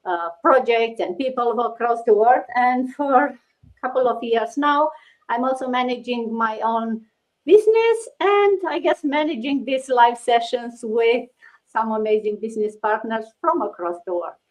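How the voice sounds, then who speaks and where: A woman hosting a live stream, upbeat and halting with many restarts. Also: on the high side. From Romania. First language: Romanian. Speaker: host of a business live stream. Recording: muffled lo-fi stream audio.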